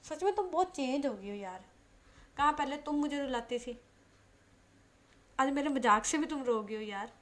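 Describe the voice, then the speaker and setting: A woman voicing a playful, teasing young woman in a told love story, talking in an animated, mock-offended way. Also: high-pitched, normal speed, long pauses. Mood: laughing off.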